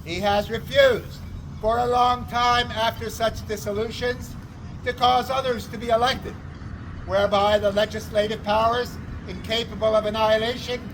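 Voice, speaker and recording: A man playing a town crier, delivering a formal proclamation in deliberate, declamatory short phrases, outdoors. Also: sits high, level tone, fairly bright tone, rough recording. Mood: solemn, proclaiming. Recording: outdoor recording with faint traffic noise.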